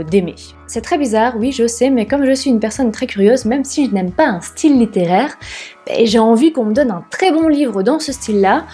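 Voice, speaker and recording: A woman's voice: fairly high pitch, dark tone. A young woman casually reviewing books she has read, chatty and candid, with frequent fillers. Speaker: book vlogger.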